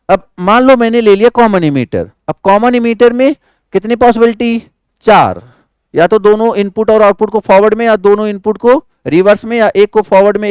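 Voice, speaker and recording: High-voiced man lecturing. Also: a little mellow, clear, resonant tone, no room sound, clean studio sound. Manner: quizzes students with repeated questions; mixes English terms into Hindi. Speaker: electronics teacher. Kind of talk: classroom lecture.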